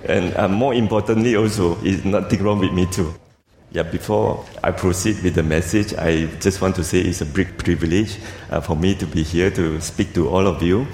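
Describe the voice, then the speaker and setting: Speaking English with a Malaysian accent, this preacher gives a casual church camp sermon, dropping "lah" and "you see" onto his sentences. He has a deep, steady, slightly mellow voice at a normal speed. Room noise and echo fill the hall.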